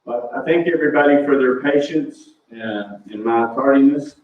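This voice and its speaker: A man chairing a public board meeting, a bit out of breath, relaxed and halting with fillers. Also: medium pitch. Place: council meeting room. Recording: distant, roomy, tinny phone-like audio.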